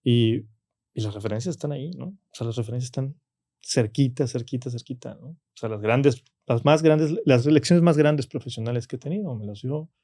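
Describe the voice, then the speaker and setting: A man with a Mexican Spanish accent tells personal stories in a dark, mellow voice. He talks loosely, leans on "¿no?" and "o sea", and slips into the voices of people he quotes. The recording is dry and close. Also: medium pitch, fairly quick, no echo. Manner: frequent "¿no?" and "o sea" tags, acts out quoted voices. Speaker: podcast guest. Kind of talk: casual conversational storytelling.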